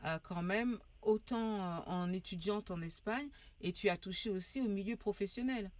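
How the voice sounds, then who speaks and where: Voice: mid-range voice, moderate pace, dry recording. A podcast host interviewing a guest casually, with short backchannels and hesitant questions.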